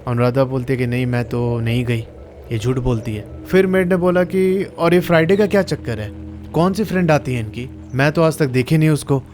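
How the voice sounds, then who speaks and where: A man's voice: mid-range voice, a little fast, darkish tone, faint music behind. A man narrating a true horror story in a casual, chatty way, talking to listeners like friends.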